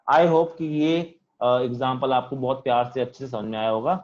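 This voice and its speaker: A physics teacher speaking, leading an online class in a loud voice that he says is straining from all the shouting. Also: medium pitch, brisk, dull audio. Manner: talks loudly to students, says he is shouting. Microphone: computer mic on video call.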